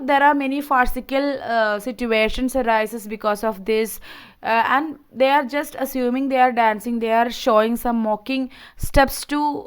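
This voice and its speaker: A woman lecturer speaks in a fairly high, clean and smooth voice. She explains in an informal teaching style, often going back over a point in new words and checking in with the listener. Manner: explanatory, repeats and rephrases points, checks with "okay" and "see". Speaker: literature lecturer. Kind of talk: informal lecture summarizing a play.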